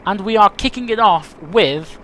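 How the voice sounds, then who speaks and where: Here the flight simulator host sounds high-pitched and animated, speaking at a normal speed with a fairly bright tone, still casual, self-deprecating and rambling with his audience. Soft rain, birdsong and outdoor noise sit in the background of his home setting.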